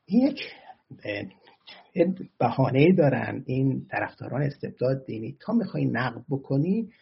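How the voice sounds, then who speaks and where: Gravelly guy doing political commentary, argues hard and gets fired up, muffled lo-fi sound. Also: mid-range voice, big pitch swings. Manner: argumentative, grows heated and emphatic. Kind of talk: political commentary answering audience questions.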